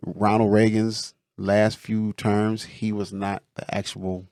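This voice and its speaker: A man hosting a casual podcast, telling stories in an animated, slangy way. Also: fairly low pitch, takes it slowly, no room sound, clean studio sound. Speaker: podcast host. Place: studio.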